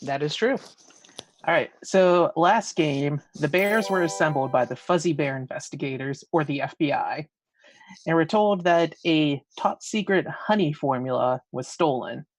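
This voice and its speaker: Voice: mid-range voice, unhurried, no room sound. A game master narrating a tabletop role-playing game in a casual, conversational storytelling manner.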